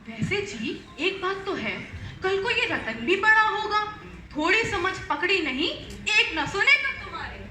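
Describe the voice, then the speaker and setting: A haughty, sharp-tongued shopkeeper's wife, played by a woman who complains about everyone. Her voice is very high and very bright. It echoes around a stage hall with faint noise behind. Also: sing-song, measured pace, heavily acted. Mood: scornful. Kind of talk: stage play acting.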